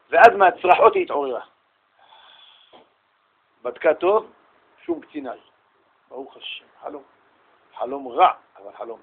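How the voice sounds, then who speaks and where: A middle-aged rabbi from Israel tells stories in a lively sermon, his voice high and bright with a forceful edge. He jumps into the voices of the people in his tales and teases his listeners as he goes. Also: lo-fi sound. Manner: animated, acts out voices and shouts in stories, banters with listeners. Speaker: rabbi giving a Torah lesson.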